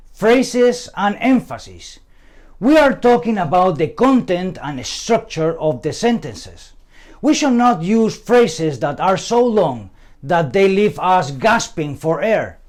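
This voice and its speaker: A man giving a scripted training lecture on communication, working through numbered points deliberately with pauses. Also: sits high, a little mellow.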